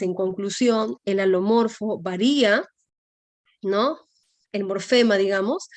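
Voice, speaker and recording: A woman's voice: medium pitch, darkish tone, dry recording. A woman teaching a grammar class, explaining patiently and checking often with her students. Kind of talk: online class lecture.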